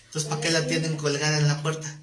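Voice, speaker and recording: A man's voice: fairly high pitch, monotone, fast. A man teaching a live Bible class, talking conversationally, quizzing his students and joking with them. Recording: echoey room, faint noise.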